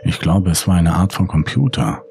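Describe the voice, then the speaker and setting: Male horror audiobook narrator, deep and raspy, with a creaky edge and faint music behind. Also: expressive, normal speed, darkish tone.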